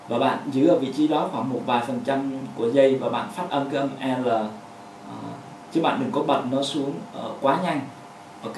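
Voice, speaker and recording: A man who speaks Vietnamese natively teaches pronunciation, talking in halting stretches full of fillers and repeating each example word. His voice sits mid-range for a man. He sounds a little distant, in an echoey room with faint background hum. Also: medium pitch, darkish tone. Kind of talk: explaining a lesson with hand demonstrations.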